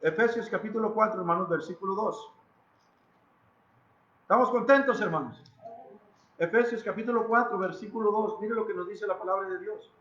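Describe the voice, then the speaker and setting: In a church hall, a pastor with a Mexican Spanish accent preaches an emphatic, dramatic sermon, repeating phrases and putting questions to the congregation. His voice is high and fairly bright, delivered at a normal speed with frequent pauses. The room is echoey and the recording lacks its high end.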